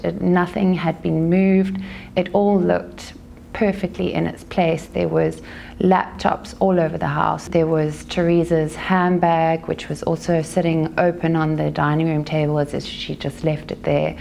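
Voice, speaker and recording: A South African woman, a lawyer, giving a measured, careful recap of a day in court. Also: low-pitched, little pitch movement, gravelly, a little mellow, a little hiss or hum. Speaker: legal commentator. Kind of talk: courtroom news commentary.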